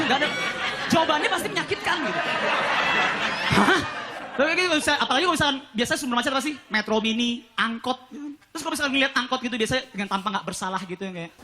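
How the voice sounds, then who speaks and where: A man doing a stand-up comedy routine on a TV studio stage, telling stories and acting out quoted voices. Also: very high-pitched. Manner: animated storytelling, acts out quoted voices, laughs along. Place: TV studio stage with live audience. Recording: live studio audience and room noise.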